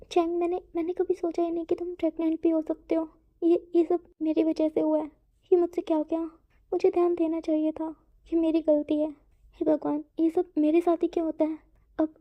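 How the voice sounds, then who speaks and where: A quick-tempered but caring young man, voiced by a woman, who stumbles over his words and repeats himself. The voice sits high and the sound is dull and lo-fi.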